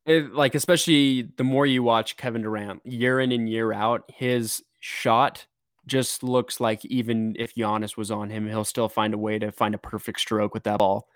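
A man hosting a casual sports podcast, talking excitedly and joking as he breaks down the games. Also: on the low side, clean tone, no echo, studio quality. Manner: excitable, quick to joke. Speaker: podcast host.

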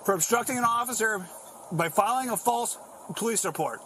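A man's voice: high voice, expressive, normal speed. A male police officer making an arrest, giving firm, matter-of-fact orders. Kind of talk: bodycam arrest exchange. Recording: noisy police bodycam audio.

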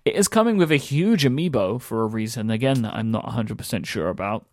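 A man's voice: medium pitch, expressive, fast, no echo. A man co-hosting a podcast in casual chat, rambling and amused, with lots of fillers. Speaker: podcast co-host.

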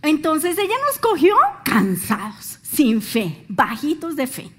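A Colombian woman preaching a sermon as a pastor, telling animated stories and acting out the voices she quotes. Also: high voice, slow pace.

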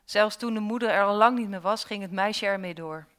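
A woman reading her own dark fairy tale aloud at a live event, expressive, with slow dramatic pauses. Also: mid-range voice, clear, resonant tone. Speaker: storyteller and author.

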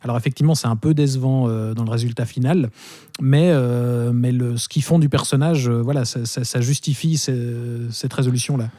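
Calm guy with a warm voice reviewing a movie, hedgy, dry sound. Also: medium pitch, no room sound. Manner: measured, hedging with fillers. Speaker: film critic. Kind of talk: casual review discussion.

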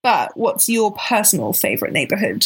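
A woman's voice: medium pitch, very animated, moderate pace, husky. A woman hosting a podcast, asking questions in a casual chat with many short encouragements. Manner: encouraging, frequent short backchannels. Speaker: podcast host. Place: outdoors in a city neighborhood.

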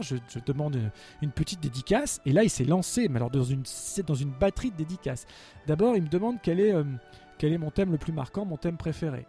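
A man's voice: fairly high pitch, warm tone. A man hosting a film music podcast, telling a long anecdote in a casual, rambling way with many fillers and restarts. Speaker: podcast host. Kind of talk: casual storytelling chat.

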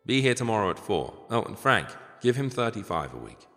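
A man voicing a brisk, gruff male theatre producer with a dry wit, in a storybook reading. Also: lowish voice, very animated, in a large hall, over music. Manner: brisk, clipped.

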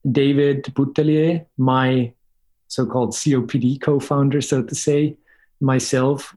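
A company co-founder from Switzerland explains things step by step as a podcast guest, keeping his interview answers conversational. His voice is medium-pitched with a dark tone.

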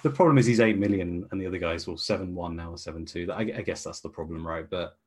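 A man's voice: sits low, quick pace, a little mellow. A man chatting casually about football as a podcast co-host, opinionated and talking in long runs.

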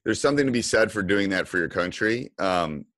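A man's voice: on the low side, expressive, fairly quick, a bit bright, no echo. A middle-aged man hosting a podcast interview in a casual, chatty way, with many fillers and restarts. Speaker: podcast host.

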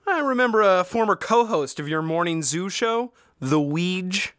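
Smug necromancer, lively intonation, bright dry sound, haughty debating manner, radio comedy. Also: medium pitch, measured pace, no echo. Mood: smug, fervent. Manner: haughty, articulate, argumentative.

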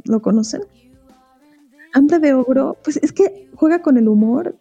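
Mexican woman, gravelly, very mellow dark tone, casual animated storytelling. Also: high voice, measured pace, no room sound, dull audio, faint music behind. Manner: animated storytelling, acting out book characters. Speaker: guest expert on children's reading. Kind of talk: casual interview chat.

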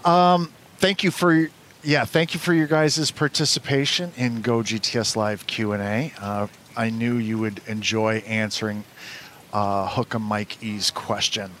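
A man's voice: fairly low pitch, flat delivery, fairly bright tone, slight background noise. A man co-hosting a live show, talking casually with many fillers and restarts. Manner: casual, halting, lots of fillers. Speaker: co-host. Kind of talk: casual chat.

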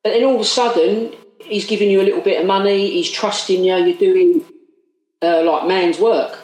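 A man's voice: high voice, fairly even intonation, normal speed, darkish tone. A man in his late thirties with an Essex accent, chatting casually as a podcast guest in a matey, working-class way. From Essex, England. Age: late 30s. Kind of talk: casual chat. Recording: roomy, echoey sound.

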